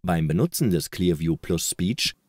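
Male product video narrator: deep, animated scripted promotional read, close and dry. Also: measured pace, no room sound. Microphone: close studio voice-over microphone.

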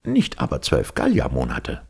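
A man with a gravelly, husky voice voicing a strict, pedantic male professor who lectures in a dry tone. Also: a bass voice, wildly swooping pitch, normal speed, full character voice.

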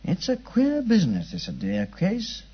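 An actor playing a weary, deferential British police inspector in a 1950s radio drama, chatty and raspy. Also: male voice, high-pitched, huge pitch swings, normal speed, exaggerated voice. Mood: confiding, matter-of-fact. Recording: dull, muffled 1950s radio recording.

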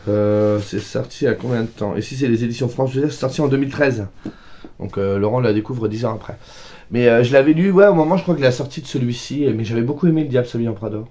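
A man's voice: mid-range voice, fast, warm tone. A man chatting casually about his book purchases, self-mocking and talking to himself by name. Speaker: book vlogger. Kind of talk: casual book haul chat.

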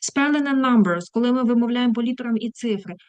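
A woman's voice: a little high, quick pace, darkish tone, no echo. Chatty woman teaching online, dry close sound. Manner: chatty, self-interrupting, affectionate asides. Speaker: English teacher. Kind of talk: casual online lesson.

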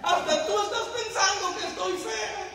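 A man's voice: very high voice, fairly even intonation, moderate pace, a bit bright, slight background noise, pitched above the performer's own voice. A man voicing a tearful, touchy young wife with whiny, sobbing complaints, in an echoey hall. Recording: echoey church hall, mic at a distance.

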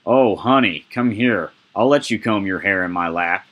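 A man's voice: on the low side, moderate pace, muffled recording, lightly acted. A man doing a mean, snappish stepmother. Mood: scornful. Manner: snappish, scornful.

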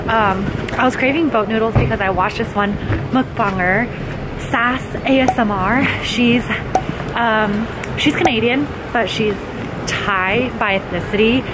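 A woman in her twenties chatting casually as a food vlogger into a handheld camera. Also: mid-range voice. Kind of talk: casual vlog chat. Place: mostly outdoors on city streets. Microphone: handheld camera at arm's length. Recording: loud city and traffic noise.

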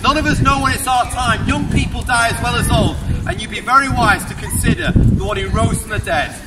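A British man in his thirties delivers an open-air street sermon on an outdoor pedestrian shopping street, projecting loudly and hurling rhetorical questions at passers-by. His voice is very high, with lively intonation and a fairly quick pace. Captured unmiked by a far camera, he sounds distant amid street ambience and passing people.

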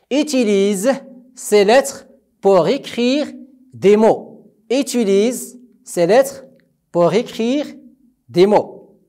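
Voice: medium pitch, darkish tone. A primary school French teacher, giving a recorded lesson and patiently repeating each word for the children to echo.

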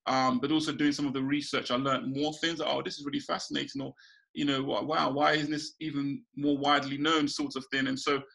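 Over a webcam video call from a cramped room in his home, a small business owner from Ghana, in his thirties, talks in a relaxed way, often laughing and starting sentences over. His pitch is medium and his pace fairly quick, with vocal fry and poor audio.

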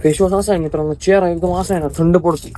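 A man's voice: high voice, fairly even intonation, quick pace, dark tone, a little hiss or hum. A young man casually vlogging around his rural farm, chatting to his viewers as friends on a handheld phone. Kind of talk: casual vlog chat. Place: rural farmyard and fields, outdoors.

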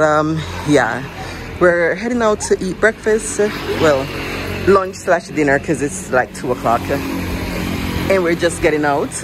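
Loud music nearly swamps this low-pitched woman as she talks to the camera in a relaxed travel vlog. She's bright and talkative, calling viewers "you guys" while wandering streets and settling into small cafes, with plenty of background noise.

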